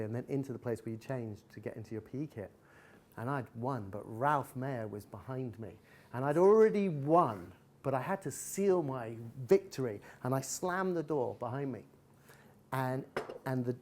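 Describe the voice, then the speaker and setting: A man giving a candid live talk, telling personal stories and acting out retellings. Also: medium pitch. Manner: candid storytelling, animated retellings. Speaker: guest speaker. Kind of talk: live talk with audience chat.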